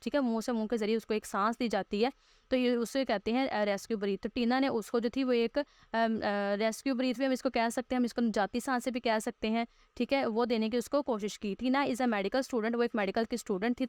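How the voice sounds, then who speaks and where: A Pakistani woman teaching a school lesson, explaining slowly with fillers and repeating herself, mixing English textbook lines into her talk. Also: fairly high pitch, smooth, dry recording.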